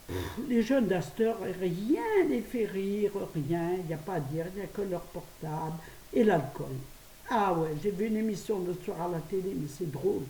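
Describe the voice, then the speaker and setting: An older woman from France chatting quickly to her phone camera at home, laughing at her own stories. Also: on the low side, warm tone. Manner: fast, chatty, laughing at herself. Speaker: vlogger. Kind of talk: casual chat to camera. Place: her apartment, indoors. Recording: roomy, distant phone audio with faint hiss.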